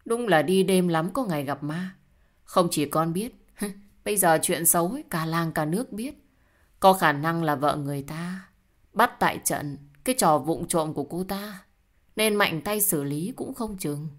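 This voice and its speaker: A woman's voice: on the low side, lively intonation, a little slow. Woman voices a cold, sneering young husband in a storybook; mocking and spiteful. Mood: smug.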